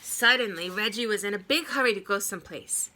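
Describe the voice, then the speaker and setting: A woman reading a children's story aloud in an expressive teacher's style, addressing young listeners. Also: mid-range voice, brisk, a little hiss or hum.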